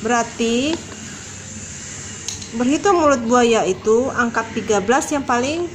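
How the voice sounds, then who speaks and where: A woman speaking as a mother teaching a young child in an informal home lesson, over-enunciating in a drawn-out, instructional way. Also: a little high. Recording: clearly noisy home recording.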